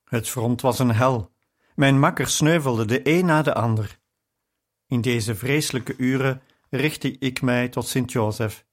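Slow, earnest man reading. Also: medium pitch. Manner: measured, earnest storytelling. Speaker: testimony reader. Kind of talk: scripted narration.

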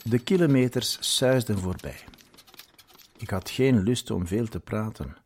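A man reading a story aloud in a measured, scripted narration. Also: fairly low pitch, a little mellow.

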